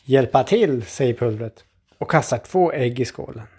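A man reading a children's picture book aloud in calm, steady storytelling. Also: mid-range voice, husky.

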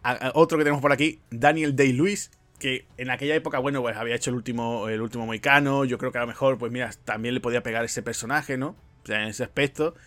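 A man's voice: medium pitch, fairly even intonation, quick pace, hardly any pauses, a bit bright. Chatty man telling film trivia. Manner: chatty storyteller, frequent fillers and asides. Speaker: podcast host. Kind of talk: casual film podcast chat.

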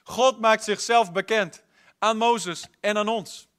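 A man preaching a sermon at a church service, impassioned and moving between loud declarations and hushed, intimate lines. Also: high-pitched, fairly even intonation, takes it slowly, clear, resonant tone. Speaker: pastor.

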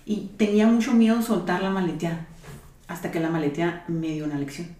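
A Mexican woman telling her own story in a casual podcast chat, animated and acting out the dialogue she recalls. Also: lowish voice, fairly quick, echoey room, distant mic, slight background noise.

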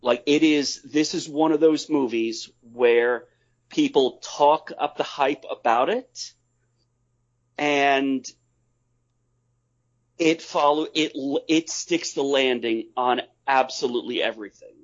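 A man talking casually as a podcast guest, halting and deliberate as he discusses films. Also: medium pitch. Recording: slightly dull, compressed audio.

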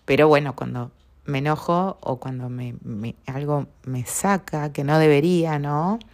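A woman with a Rioplatense accent talks through a reflective podcast monologue in a low voice with a gravelly, fry-edged texture. She stays calm and unhurried and keeps asking the listener whether they follow. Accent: Rioplatense Spanish. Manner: calm, unhurried, often seeks agreement with tag questions. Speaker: podcast host.

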